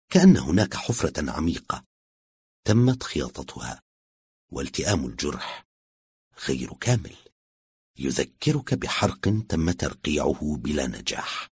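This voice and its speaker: A man with an extremely deep, husky voice reads a dark first-person tale, voicing a woman's confession. His pitch swings widely from line to line as he leans into the suspense. The sound is close and dry, with no room around it. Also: no room sound. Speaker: audiobook reader. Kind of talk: scripted story narration.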